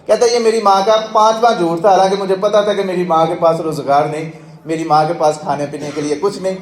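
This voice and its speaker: A man's voice: high-pitched, fairly even intonation, echoey room. A man giving a sermon, telling a moving story and acting out the quoted speech before drawing its lesson. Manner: tells a moving story with voiced quotes, then preaches. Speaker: religious speaker.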